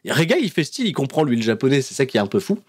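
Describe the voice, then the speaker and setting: A man hosting a podcast, recapping in a casual, animated storytelling way and laughing often between fillers. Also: mid-range voice, racing, slightly rough. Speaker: podcast host recapping wrestling episodes.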